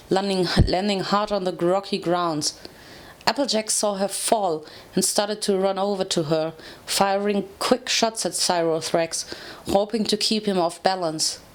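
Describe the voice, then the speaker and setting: A woman reading a first-person fan story aloud, steady and narrative, with occasional self-corrections. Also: mid-range voice. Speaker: fanfiction reader.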